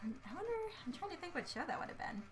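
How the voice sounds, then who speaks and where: A woman's voice: high-pitched, big pitch swings, racing. A woman co-hosting a casual board game stream, thinking aloud with playful muttering and little vocal sound effects. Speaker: co-host of a board game play-along stream. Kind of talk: casual chat while playing a board game.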